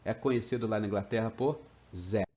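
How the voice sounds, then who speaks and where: A Brazilian man teaching English in a playful video lesson, slowly stretching out example sounds. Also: fairly low pitch, dark tone. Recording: slightly dull lo-fi sound.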